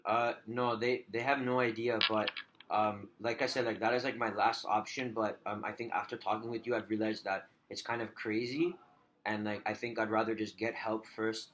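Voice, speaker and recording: A man with a fairly low voice answers as the client in a role-played phone counselling call. His speech is halting and hesitant, broken up by frequent filler words. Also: level tone, a bit bright. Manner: halting, hesitant, heavy use of filler 'like'.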